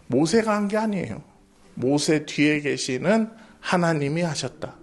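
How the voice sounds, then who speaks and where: Brief: male junior pastor, high voice, animated sermon delivery. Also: measured pace. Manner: animated storytelling with questions to listeners. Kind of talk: lively children's sermon.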